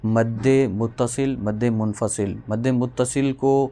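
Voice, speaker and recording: A man teaching a Quran reading lesson, explaining rules quickly, then spelling out letters and drawing syllables out slowly. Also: medium pitch, fairly even intonation, mellow. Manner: fast explanations, then slow drawn-out syllables.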